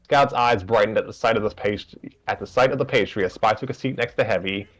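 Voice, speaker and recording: On an informal livestream, a man reads a story aloud with a fairly low, fairly bright voice at a fast clip. He stumbles over words, rereads phrases, and tosses in joking asides.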